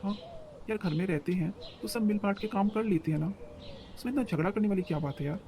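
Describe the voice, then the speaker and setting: A man's voice: high-pitched, fast, mellow. A man voicing an exasperated young husband in a cartoon story, reasoning with his frustrated wife.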